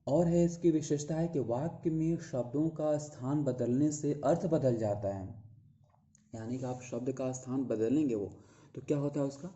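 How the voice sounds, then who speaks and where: A man teaching a recorded lecture on teaching methods, explaining slowly with many fillers and restarts and talking straight to his students. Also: mid-range voice, warm tone. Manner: talks directly to students, repeating key phrases. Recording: dull lo-fi audio.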